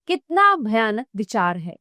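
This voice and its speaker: A woman's voice: fairly high pitch, big pitch swings, unhurried, pushed and bright, no echo, clean studio sound, full character voice. A woman voicing a compassionate woman singer who earnestly pleads with an emperor to give up killing. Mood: pleading.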